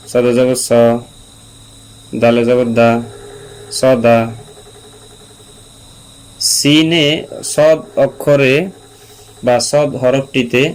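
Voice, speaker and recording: A man teaching Quran reading, spelling out syllables slowly and repeating them patiently for learners. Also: mid-range voice, poor audio. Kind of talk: slow spelled-out recitation lesson. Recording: steady mains hum behind the voice.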